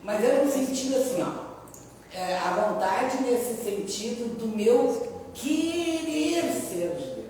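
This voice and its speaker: A woman's voice: fairly high pitch, big pitch swings, slow pace, mellow, a little hiss or hum. Female participant, hesitant and agreeable, distant in an echoey room. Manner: hesitant, restarts and agrees often. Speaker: course participant. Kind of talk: group discussion.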